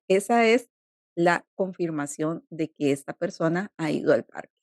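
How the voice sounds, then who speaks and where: A woman teaching an English grammar lesson, explaining patiently and deliberately with repeated examples. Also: on the low side, a little mellow, dry recording, studio quality. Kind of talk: slow, clear grammar lesson.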